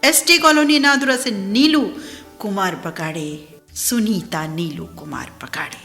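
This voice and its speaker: A woman's voice: mid-range voice, lively intonation, unhurried, vocal fry, sharp tone, in a large hall, soft background music. Heartfelt woman radio host reading messages. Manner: heartfelt, repeats phrases for emphasis. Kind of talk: warm emotive radio talk, reading messages aloud. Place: radio studio.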